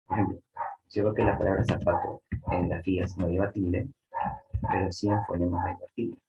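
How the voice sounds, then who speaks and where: A man with a Peruvian Spanish accent teaching a language class, checking in with students often and filling pauses with "este". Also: low-pitched, flat delivery, warm tone, lo-fi sound, a little hiss or hum. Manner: explains with frequent checks like "¿no?" and fillers "este". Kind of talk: online class lecture.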